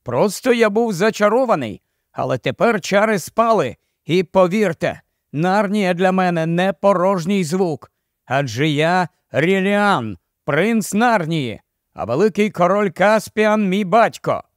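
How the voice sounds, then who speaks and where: A man's voice: sits high, lively intonation, unhurried, no room sound, studio quality. A man voicing a stately young prince. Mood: earnest. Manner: stately, declamatory. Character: proud young enchanted prince, commanding.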